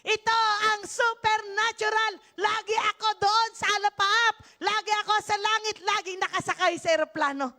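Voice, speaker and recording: Older woman pastor from the Philippines, very high voice, bright and forceful, lively preaching at a church service. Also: normal speed, hardly any pauses. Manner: animated preaching with shouted hallelujahs and frequent laughter. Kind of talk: sermon.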